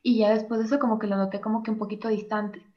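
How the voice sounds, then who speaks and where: A young Mexican woman confiding in an advice host, stopping and restarting as she searches for words. Her voice sits at an ordinary middle pitch. The recording sounds a little dull and lo-fi. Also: little pitch movement, rapid-fire, mellow. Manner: hesitant, many fillers and restarts. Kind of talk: personal confession to an advice host.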